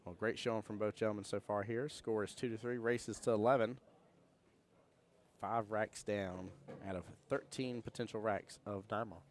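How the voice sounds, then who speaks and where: Low voiced guy doing casual pool stream commentary, folksy, chatting to viewers. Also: fairly even intonation, moderate pace. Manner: folksy, friendly address to viewers. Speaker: livestream pool commentator and host. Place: indoor pool hall. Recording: small fan near the mic.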